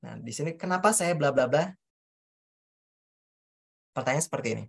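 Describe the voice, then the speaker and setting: A woman with a low, deep voice leads a workshop before an audience. She talks straight to her listeners and acts out sample questions in their voice. She often stops and restarts mid-sentence as she explains. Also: animated, normal speed, vocal fry. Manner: addresses the audience directly, acts out example questions; hesitant restarts while explaining. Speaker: speaker at a coaching talk. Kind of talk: presenting a workshop on self-questioning. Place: talk venue before an audience.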